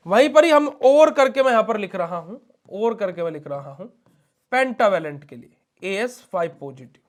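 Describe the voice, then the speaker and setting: A man's voice: high-pitched, expressive, normal speed. A young man giving a classroom pharmacy lecture, asking questions of his students and answering them himself.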